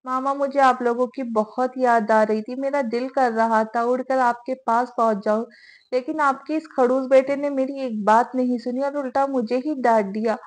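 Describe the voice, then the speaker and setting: A woman reading the lines of a lively, naughty young woman who chatters and complains. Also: high voice, normal speed, natural voice. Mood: chatty.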